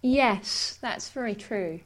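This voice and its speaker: A woman podcast host and editor who explains things in an easy, gently self-mocking way. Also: a little high, slow pace. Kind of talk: casual podcast chat.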